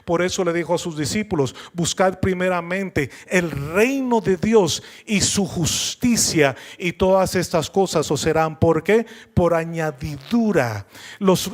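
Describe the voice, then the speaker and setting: Male pastor, high-pitched, lively preacher who works the congregation with call-and-response and quick jokes. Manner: joking asides. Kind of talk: sermon.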